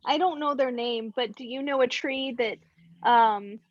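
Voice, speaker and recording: A woman's voice: sits high, a little slow, no room sound, highs cut off. A woman chatting casually as a player in a tabletop role-playing game, sometimes speaking in character.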